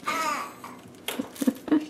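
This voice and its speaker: A woman and mother cooking at home, chatting casually to herself and her kids, sometimes dropping to a whisper. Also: extremely slow. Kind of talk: casual cooking vlog chat. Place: home kitchen, indoors. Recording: loud kitchen noise with sizzling food.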